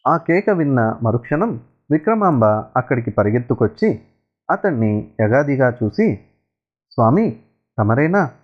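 A man narrating a story in a lively, dramatic storytelling manner. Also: mid-range voice, moderate pace. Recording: tinny phone-like sound.

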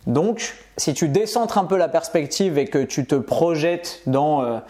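A man telling stories in a casual conversation, slangy and animated, often adding "tu vois". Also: mid-range voice.

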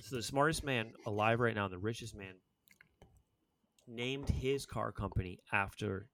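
A man's voice: fairly low pitch, normal speed, a bit bright, slight background noise. A man hosting a casual podcast conversation and asking questions.

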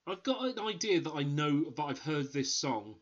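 A man's voice: on the high side, very animated, normal speed, muffled recording. A man co-hosting and editing a podcast in casual chat, playful and laughing often. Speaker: podcast co-host and editor.

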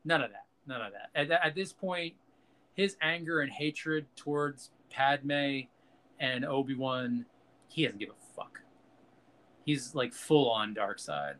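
A man's voice: medium pitch, slow pace, fairly bright tone. A man co-hosting a casual film chat, talking loosely and profanely and laughing at his own jokes.

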